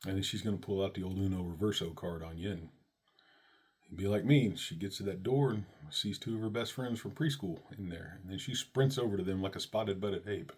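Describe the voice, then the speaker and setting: A man telling a personal story about being a father, animated and leaping high on exclamations. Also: brisk, hardly any pauses, slightly rough.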